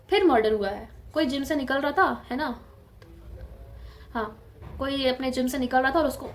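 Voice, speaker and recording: High-voiced chatty young woman vlogging. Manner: chatty, laughs often, mixes English into Hindi. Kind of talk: casual storytelling vlog.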